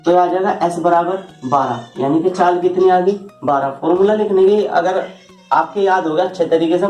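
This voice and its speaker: A roomy recording captures a man whose voice sits high but has a darkish tone. Teaching math shortcuts at the board, he speaks casually and keeps asking his students rhetorical questions while working step by step.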